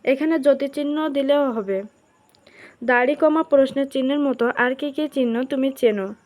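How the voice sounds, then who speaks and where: A woman's voice: sits high, normal speed, darkish tone. A woman teacher, giving an online class. She reads textbook questions aloud and answers them in short, spaced phrases. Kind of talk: online class lesson, reading and explaining a textbook.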